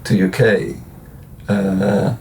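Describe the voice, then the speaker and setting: Speaking very slowly with little pitch movement, this Polish guest musician in his forties has a lowish, darkish voice and a Polish accent. On the casual late-night show he rambles, hesitates, and keeps restarting with many fillers. He is recorded from a distance with a slight hiss or hum.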